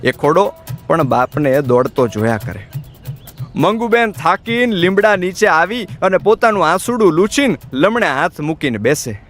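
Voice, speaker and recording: Expressive male audiobook narrator. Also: on the high side, moderate pace, soft background music.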